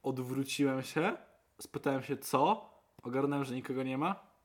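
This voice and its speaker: A young man co-hosting a podcast in casual chat, excitable and swearing freely, his voice jumping up for emphasis. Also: mid-range voice, normal speed. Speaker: podcast co-host.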